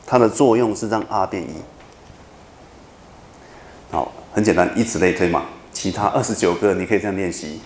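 A man's voice: sits low, moderate pace, pauses often, a little mellow, reverberant. A man lecturing a university class, explaining patiently and often checking whether students follow. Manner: patient, repetitive explaining with frequent checking questions.

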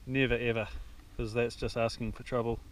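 A man in his thirties from New Zealand, calmly explaining his fishing setup while out on a jet ski, recorded on an action camera. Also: mid-range voice, fairly quick. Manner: relaxed, explanatory, practical. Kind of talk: casual how-to narration. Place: on a jet ski out on open water. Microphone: action camera mounted on the craft. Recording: windy outdoor action-camera audio. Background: wind and water noise.

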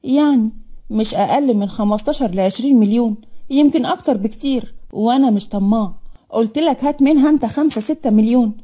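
A woman's voice: fairly high pitch, fairly quick, warm tone, lightly acted. A woman voicing a greedy, scheming older man with an Egyptian accent and a scornful manner, in a storybook reading.

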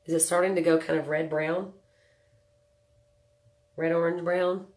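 A woman in her thirties, her voice lowish, level, a little slow and darkish, sounds nasal from a cold. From a small room at home, she hosts a makeup livestream, chatting casually with viewers during a tutorial. She's chatty and joking, greeting viewers by name.

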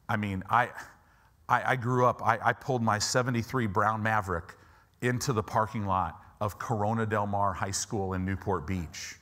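This is a conversational sermon by an American pastor in his fifties, from Chicago and Southern California, who emphasizes his points by repeating phrases. He speaks in a lowish, slightly bright voice. He's on an indoor church auditorium stage with a lapel mic.

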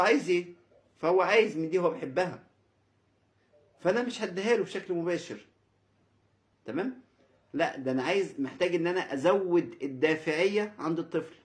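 A man with an Egyptian Arabic accent gives a specialist's lecture, explaining step by step and often pausing to check that his listeners follow. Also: a little high.

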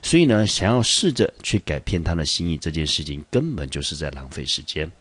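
A man with a Taiwanese Mandarin accent teaching English vocabulary, explaining patiently and slowing down to pronounce each English word. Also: extremely low pitch, very animated, husky. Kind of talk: vocabulary lesson.

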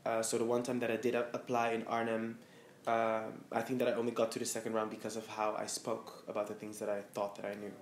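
Speaking quickly with few pauses, a Dutch man in his thirties from Amsterdam delivers his words in a low, completely flat voice. He's a fashion stylist appearing as a guest before a small live audience, candid and reflective and full of fillers. Faint noise and a roomy echo mark the recording.

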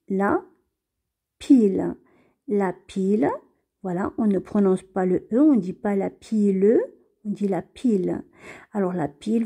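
A woman's voice: mid-range voice, warm tone, husky. A woman teaching beginners to read French, patiently repeating and spelling out each word. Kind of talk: slow reading lesson for beginners.

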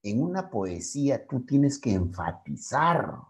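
A male secondary school literature teacher giving a class, explaining poetry and reciting verses with deliberate pauses, often checking in with his students. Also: mid-range voice. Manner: slow, lively delivery with frequent "¿ya?" and "¿ok?" check-ins.

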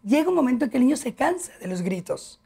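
A woman's voice: sits high, sing-song, quick pace, creaky, slightly rough. A middle-aged woman, a family education expert, explaining patiently as a guest on a TV talk show. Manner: warm, didactic, addresses host by name.

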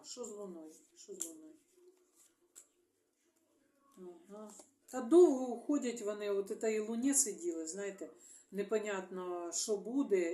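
A Ukrainian woman, a tarot reader, talking alone to her viewers in a halting way, thinking aloud and murmuring small agreements to herself. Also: mid-range voice, warm tone. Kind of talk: solo video monologue. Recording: echoey room.

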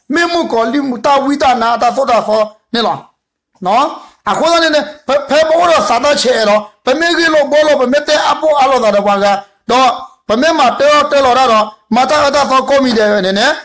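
A man's voice: very high-pitched, a bit bright. A man giving a Bible study talk, retelling a story in a rambling, repetitive way with many fillers.

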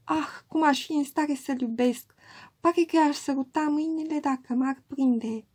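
A woman's voice: high voice, darkish tone, natural voice. A woman voicing a naive young girl in love, who speaks in a breathless, pleading way. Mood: shy.

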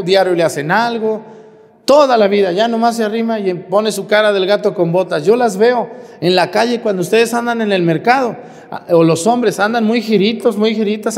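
A man preaching a sermon as priest, animated and joking, firing rhetorical questions at the congregation. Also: sits high, in a large hall.

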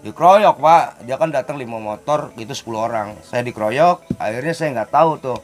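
A man telling his story in casual, lively talk. His pitch leaps upward whenever the story heats up. Faint music plays under his voice. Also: brisk. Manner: animated, pitch jumps up when telling the fight. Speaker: interviewee telling of his past crimes.

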